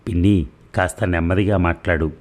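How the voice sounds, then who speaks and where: A man voicing a weary young wife in a comic story, speaking in a hushed, complaining way. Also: deep voice, fairly even intonation, a little fast.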